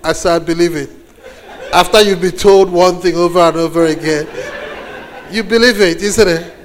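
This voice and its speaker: The speaker is a man with a high-pitched voice and fairly even intonation, a native Igbo speaker from eastern Nigeria with a Nigerian accent. As a guest preacher, he addresses the congregation deliberately, using pauses and repeated phrases to drive points home.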